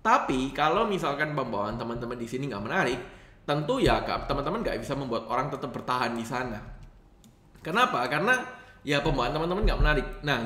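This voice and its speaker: A young man hosting a casual tutorial, talking with lively rise and fall and often turning to his viewers. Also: a little high. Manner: lively rising and falling intonation, addresses viewers often. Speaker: host of a channel teaching live streaming. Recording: roomy echo.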